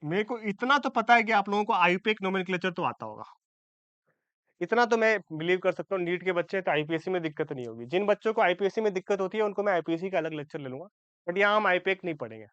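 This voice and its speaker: A man's voice: high voice, lively intonation, fast talker, a bit bright, smooth, no echo, lo-fi sound. A man teaching a chemistry lecture for exam students. He checks in often with his class and corrects his own slips as he goes. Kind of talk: exam-prep lecture in Hindi-English mix.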